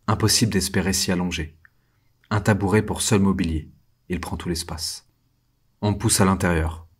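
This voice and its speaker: A man tells a first-person audio drama in a low, husky voice. He speaks in hushed, tense, short sentences, with the steady pacing of scripted narration.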